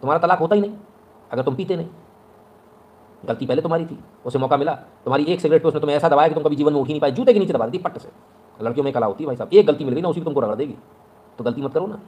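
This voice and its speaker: A man's voice: on the high side, darkish tone. A man with a Hindi accent giving blunt advice in a lecturing monologue, often asking "right?". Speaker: online news commentator.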